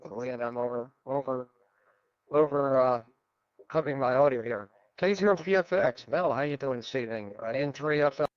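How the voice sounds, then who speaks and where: Easygoing net controller, lo-fi radio audio. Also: male voice, medium pitch, moderate pace, no echo. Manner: easygoing, rambling with restarts. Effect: heard over a ham radio transmission. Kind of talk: running an amateur radio net.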